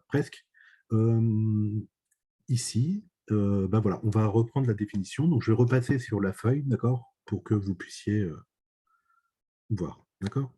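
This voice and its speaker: Low, husky French math lecturer. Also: male voice, warm tone. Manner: hesitant, many fillers and checks for understanding. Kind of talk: online lecture.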